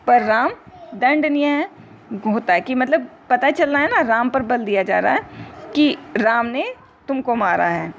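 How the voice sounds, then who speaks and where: A woman teacher giving a recorded lecture to teacher trainees, explaining step by step and often checking in with her listeners. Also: fairly high pitch. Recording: dull lo-fi recording with faint noise.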